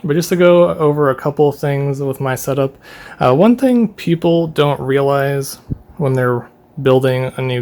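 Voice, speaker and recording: A young man talks through a tour of his own bedroom at a middle pitch. His speech is relaxed and rambling, with plenty of "uh"s and small laughs, like he's filming an unscripted walkthrough. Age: young adult. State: running out of breath. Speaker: YouTuber giving a room tour. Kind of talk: casual room tour vlog.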